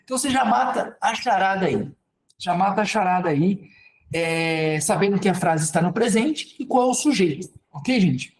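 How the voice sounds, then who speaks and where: Casual Brazilian teacher explaining grammar. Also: male voice, sits high, lively intonation, moderate pace. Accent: Brazilian Portuguese. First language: Portuguese. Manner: conversational, repeats "ok, gente" and "então". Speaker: English teacher. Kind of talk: casual spoken lesson at a board.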